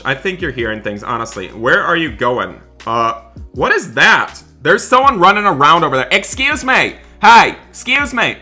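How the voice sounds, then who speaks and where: With a fairly high-pitched, sharp voice, this young man narrates game footage indoors in a dramatic roleplay style for his audience, emphatic and prone to repeating exclamations. Music plays behind him; he makes gaming videos.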